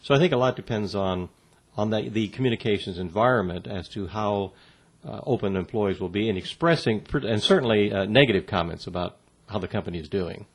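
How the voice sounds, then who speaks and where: Man, guest in an interview, low-pitched, measured delivery full of pauses and restarts. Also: breathy edge. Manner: measured, halting, many fillers and restarts. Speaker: interview guest on workplace communication. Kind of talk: answering interview questions.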